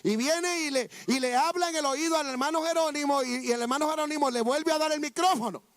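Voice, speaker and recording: A man's voice: extremely high pitch, fast, fairly bright tone, dry recording. A man preaching a sermon testimony, fervent and repetitive, often calling out to his listeners as brothers.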